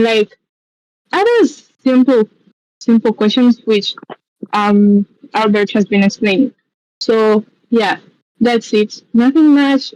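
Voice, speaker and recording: A woman's voice: fairly high pitch, darkish tone, no room sound, rough recording. A woman with a Tanzanian accent, a scholarship mentor giving encouraging seminar advice over a video call. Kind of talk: seminar talk mixing English and Swahili.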